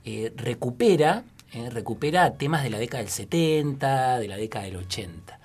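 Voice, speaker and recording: A man's voice: medium pitch, lively intonation, normal speed, a little mellow, breathy edge. A man co-hosting a casual radio show, hesitant with many fillers. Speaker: radio co-host.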